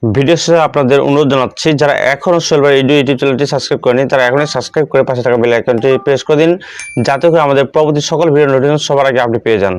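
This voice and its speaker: A man teaching an English lesson, saying each letter slowly twice. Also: mid-range voice, clear, resonant tone. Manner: slow, repeats each item twice.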